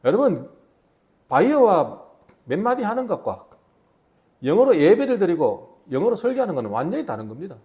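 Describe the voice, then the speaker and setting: A man's voice: sits high, moderate pace, long pauses. A middle-aged man preaching a sermon as pastor, telling stories with many rhetorical questions in a church. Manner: animated storytelling, rhetorical questions. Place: church sanctuary.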